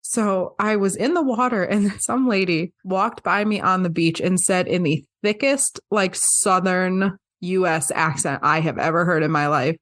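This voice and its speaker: A woman's voice: fairly low pitch, a little slow, hardly any pauses. A young woman from upstate New York, co-hosting a podcast in a casual, chatty way with frequent laughs. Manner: chatty, laughs often, animated storytelling. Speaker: podcast co-host. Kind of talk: casual chat.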